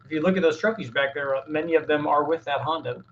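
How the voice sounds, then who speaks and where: A fan runs in the home workshop where a middle-aged man, his voice a touch high and quick, fields viewers' technical questions in a casual live Q&A. He keeps it straightforward but often restarts sentences. The audio is dull, with a faint hiss or hum.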